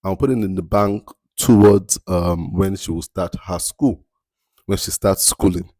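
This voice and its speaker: A man hosts a podcast with a motivational monologue, leaning on repeated phrases and drawn-out emphasis. His voice is very low and mellow. The sound is dry and close, with no room around it. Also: dry recording. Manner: repeats key phrases, asks "you understand?"; slows down to stress points. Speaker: podcast host.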